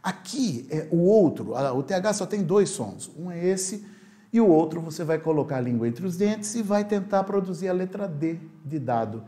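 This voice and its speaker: A man teaching an online English lesson, lively and demonstrative, repeating sounds for the learner. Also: fairly high pitch, moderate pace.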